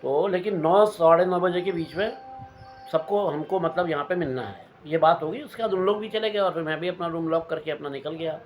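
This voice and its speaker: A man from Uttarakhand recounting a personal ghost experience, animated and repeating phrases for suspense. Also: fairly high pitch, a little fast. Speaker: storyteller.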